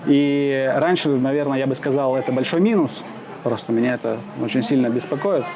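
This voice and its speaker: A man from Siberia being interviewed outdoors in the shade, answering slowly with many pauses, fillers and restarts. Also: mid-range voice. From Russia (Siberia). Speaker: interviewee, expat businessman. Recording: outdoor crowd noise behind.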